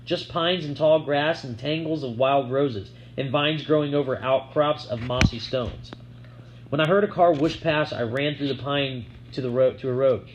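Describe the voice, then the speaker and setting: A man reads a first-person novel chapter aloud, keeping a steady, plain storytelling pace. His voice sits at an ordinary middle pitch for a man. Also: normal speed, highs cut off, slight background noise. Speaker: audiobook narrator.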